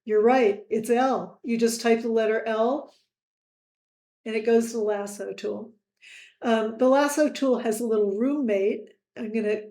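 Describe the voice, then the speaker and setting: A woman tutoring software in a screen-recorded lesson, friendly, with quiz-style asides to the viewer. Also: a little high, reverberant.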